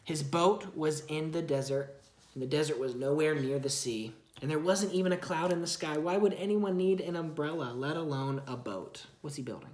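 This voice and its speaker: A woman with a low voice reads a children's Bible story aloud to a young child at a moderate pace, chatting along the way. She's expressive and asks the child simple questions, and the sound is roomy.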